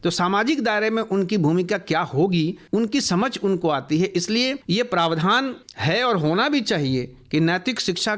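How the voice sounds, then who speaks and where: A man being interviewed in a radio studio, speaking earnestly about education and listing ideas at length. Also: high-pitched. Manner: earnest, explanatory, builds long lists of values.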